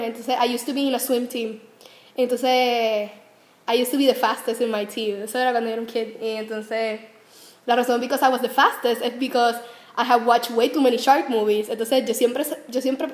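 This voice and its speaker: Young woman, high voice, chatty and self-mocking, casual vlog, roomy echo. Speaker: vlogger. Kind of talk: casual storytelling to camera.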